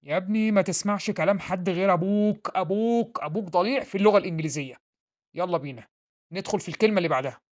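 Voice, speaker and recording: In a comedy sketch, a woman speaks in her natural voice, fairly low and darkish, at a very fast clip. She plays a blustering, pompous Egyptian father with an Egyptian Arabic accent who tutors his son, insults him, and mangles English words.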